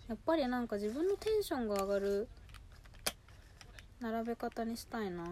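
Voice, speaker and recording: A woman chatting casually and without a script as a show host, gushing excitedly and muttering asides to herself as she handles things. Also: a little high, brisk, a little hiss or hum. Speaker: host of a personal audio show. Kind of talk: casual unscripted chat to listeners while unboxing and sorting cosmetics.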